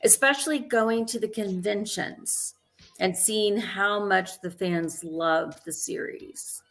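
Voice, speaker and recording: A woman's voice: mid-range voice, takes it slowly, a bit bright. A woman in her sixties, a guest on an interview show, talking casually with lots of ums and restarts. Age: 60s. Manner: chatty, frequent ums and restarts, laughs easily. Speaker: interview guest, actress and director.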